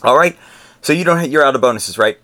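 A man co-hosting a podcast, talking in a relaxed, conversational way and explaining his points at length. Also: mid-range voice, a little fast. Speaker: podcast co-host. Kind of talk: casual podcast chat.

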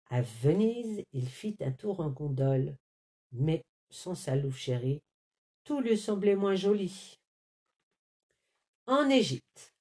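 A woman reading a children's picture book aloud, unhurried and carefully articulated. Her voice rises and falls with animated storytelling energy. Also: lowish voice. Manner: expressive, clearly articulated.

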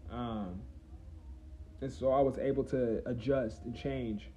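A man's voice: mid-range voice, steady tone, slow pace, dark tone, slight background noise. A man of about twenty, hosting a solo podcast and talking in a rambling, reflective way with lots of fillers and restarts. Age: 20s. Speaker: podcast host. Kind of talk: casual solo podcast talk. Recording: roomy, slightly dull recording.

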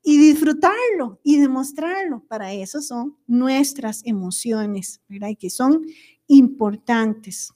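High-pitched lady leading a workshop, chatty, keeps checking in with the group. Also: slow pace, dark tone. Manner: conversational, tags sentences with a questioning aside. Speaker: workshop facilitator. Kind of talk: talk to a group on handling emotions.

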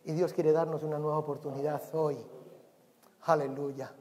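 A male pastor, preaching a sermon with passion, swinging from loud cries to hushed tones. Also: fairly high pitch, flat delivery, normal speed. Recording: long reverb of a hall, faint music behind.

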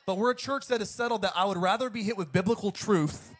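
A male pastor with a high voice preaches an emphatic sermon to his congregation at a quick pace. His delivery is preacherly, swinging between loud and quiet.

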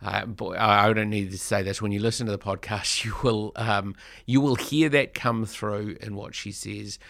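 A man introducing a podcast from a studio, relaxed and chatty. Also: on the low side, moderate pace, gravelly, dry recording. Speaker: podcast host, charity director.

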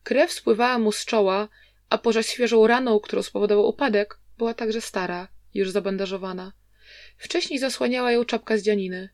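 A woman narrating a story in an even, measured reading voice. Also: mid-range voice, no room sound, studio quality. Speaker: audiobook reader.

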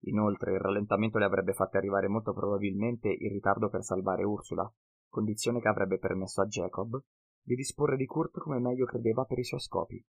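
A male audiobook narrator with a lowish voice reads a fantasy tale. His delivery is steady and measured, scripted storytelling with an even flow. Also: gravelly.

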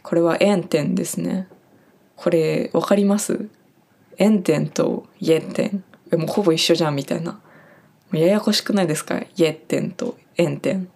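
A woman's voice: lowish voice, normal speed, gravelly, darkish tone. A young Japanese woman from Japan who works on a farm, casually explaining German words she uses on the job, with lots of fillers. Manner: chatty, friendly explaining with many fillers. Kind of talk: casual spoken lesson.

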